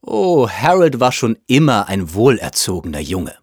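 A man's voice: lowish voice, big pitch swings, unhurried, a little mellow, husky, dry recording, studio quality, exaggerated voice. A man voicing a snobbish, self-absorbed upper-class mother who chatters in a gushing, fussy way. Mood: boastful.

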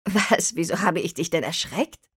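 A woman's voice: lowish voice, normal speed, husky, dry recording, studio quality. A woman voicing a cheerful, talkative middle-aged mother in an audiobook, fussing and chatty. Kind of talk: audiobook character voice.

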